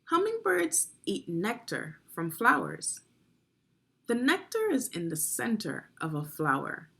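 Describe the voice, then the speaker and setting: Her medium-pitched voice has vocal fry, a fairly bright tone, and a breathy edge. She is a read-along narrator and reading teacher, reading children's nonfiction aloud in an instructive way and putting guiding questions to young listeners.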